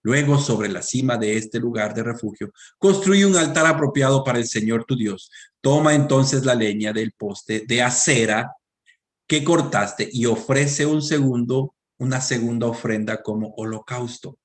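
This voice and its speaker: In a Latin American Spanish accent, a man preaches a sermon at a measured pace, reading scripture aloud and addressing the congregation directly. His delivery climbs to loud, emphatic peaks and sinks into quiet, low asides.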